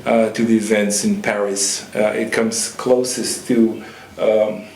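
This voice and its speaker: A man's voice: fairly low pitch, little pitch movement, vocal fry, a little mellow. Male panelist, hesitant and rambling, recorded in an echoey hall. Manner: halting, many fillers and restarts. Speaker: panelist and organizer. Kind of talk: panel discussion. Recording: echoey hall, faint noise.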